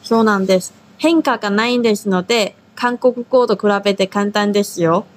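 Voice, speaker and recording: A woman from Taiwan teaching a language lesson, modelling pronunciation slowly and carefully. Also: medium pitch, slight background noise. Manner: slow, drawn-out model pronunciation.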